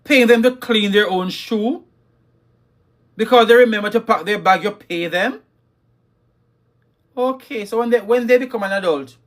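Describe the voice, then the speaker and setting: A man hosting a live talk on parenting, emphatic and scolding, repeating his key lines and reading viewer comments. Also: sits high. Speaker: livestream host.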